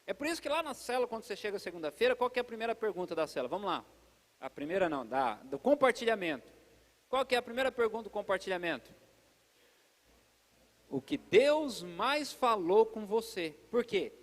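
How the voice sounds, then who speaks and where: A man preaching as pastor at a church service, talking in a lively, chatty way and addressing the congregation directly. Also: high-pitched, a little fast, long reverb tail. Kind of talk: conversational sermon.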